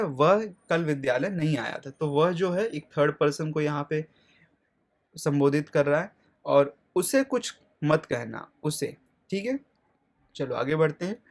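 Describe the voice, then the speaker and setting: A male teacher talks through a grammar lesson in a slightly high voice. He puts questions to the class and answers them himself, and checks in often. He slows right down when he spells out lists of words.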